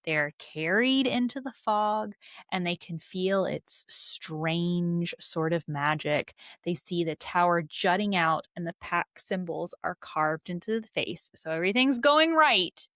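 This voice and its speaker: A woman co-hosting a podcast, summarizing chapters and chatting casually about a book in an unhurried way. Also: fairly low pitch, lively intonation, fairly bright tone, no echo, studio quality. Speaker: podcast co-host. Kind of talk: casual book club chat.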